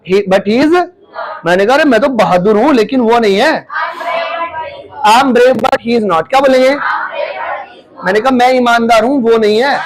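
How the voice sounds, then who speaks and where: A man's voice: extremely high pitch, rough recording. A man with an Indian accent teaching an English class, calling out questions to his students and often raising his voice. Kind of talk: classroom lesson in Hindi and English.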